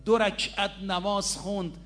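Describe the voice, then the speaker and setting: High-voiced preacher, emphatic. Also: male voice, flat delivery, a bit bright, soft background music. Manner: emphatic, addresses listeners directly. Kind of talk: religious sermon with storytelling. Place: religious mourning gathering.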